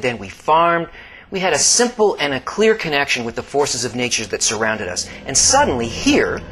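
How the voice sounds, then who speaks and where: A man giving slow, scripted documentary-style narration, swinging between hushed low passages and emphatic rises. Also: rough recording. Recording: steady background hiss.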